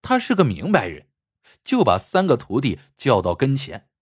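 Husky, lively male storyteller. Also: mid-range voice, moderate pace, dry recording, studio quality. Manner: animated, theatrical storytelling. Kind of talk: told folk story.

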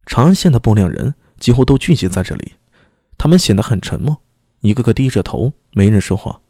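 A man narrating a serialized novel as an audiobook in a steady, measured way. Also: mid-range voice, slightly rough, no room sound, studio quality. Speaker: storyteller.

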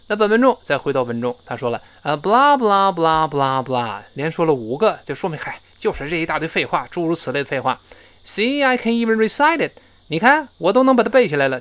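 A middle-aged man teaching spoken English in Mandarin, explaining phrases and slowly modeling pronunciation. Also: fairly high pitch.

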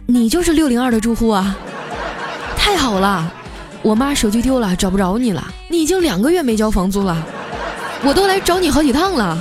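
An excited young man blurts out his complaint, with a woman doing the part. He is blunt and eager. It is a comic spoken story. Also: a little high, fairly quick, over music, a crowd in the background, voice pushed up.

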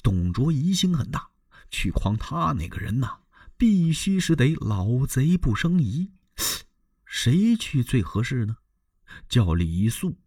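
A man's voice: medium pitch, very animated, slow pace, darkish tone, breathy edge, no echo, studio quality, pitched above the performer's own voice, full character voice. A man playing a shrewd court official. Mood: advising. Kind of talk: traditional Chinese storytelling.

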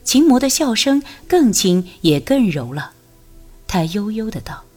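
Breathy woman narrating a martial arts novel. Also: mid-range voice, measured pace, soft background music. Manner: expressive storytelling. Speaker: audiobook narrator.

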